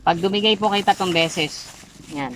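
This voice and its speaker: A woman's voice: medium pitch, moderate pace, creaky, a little hiss or hum, poor audio. A woman folk healer interrogating a spirit during an exorcism, insistently repeating short questions.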